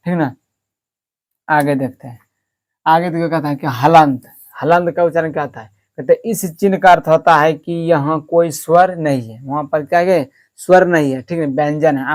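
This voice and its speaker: Slightly high-voiced man teaching slowly. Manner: asks questions and answers them himself, with repeated "ठीक ना" checks; stretches words out slowly to show pronunciation. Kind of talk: classroom-style lesson.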